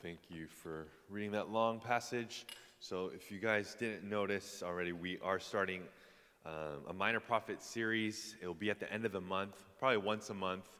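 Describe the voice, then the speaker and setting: Man, preacher, casual sermon, lots of ums, bright tone, reverberant church hall. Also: deep voice, moderate pace, clear, resonant tone. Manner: casual and self-deprecating, with many fillers.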